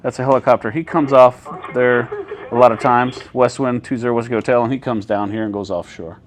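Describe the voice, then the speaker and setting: A crowd can be heard behind this air traffic controller as he talks fairly quickly in a steady, mid-range voice. Inside the airport control tower, he gives a relaxed, plain-spoken walkthrough, checking step by step that his listener is with him.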